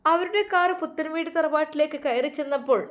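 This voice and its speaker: Woman storyteller, emphatic drawn-out narration, slightly high voice.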